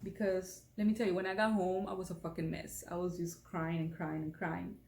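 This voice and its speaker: Young woman vlogger rambling through a storytime, low mellow voice, roomy echo. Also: little pitch movement, a little fast, creaky. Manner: rambling, candid storytelling with many fillers. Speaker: beauty vlogger. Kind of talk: casual storytime vlog. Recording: echoey room.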